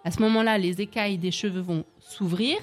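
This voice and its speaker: Chatty lady explaining hair oil tricks, middle pitch, little bit of music behind. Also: steady tone, a little fast. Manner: chatty, explains remedies step by step. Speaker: beauty book author guest. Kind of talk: casual radio chat.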